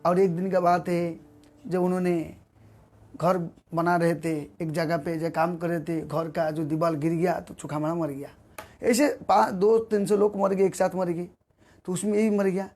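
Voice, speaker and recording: A male preacher telling a devotional story to a congregation, animated and repeating phrases. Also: high-pitched, moderate pace. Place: congregation gathering.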